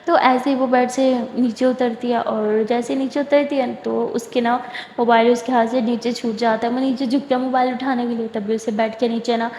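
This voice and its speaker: A woman's voice: fairly high pitch, flat delivery, darkish tone, slight background noise. A woman telling a love story in a casual, chatty way with the filler "نا", recorded in an echoey room. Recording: echoey room with long reverb.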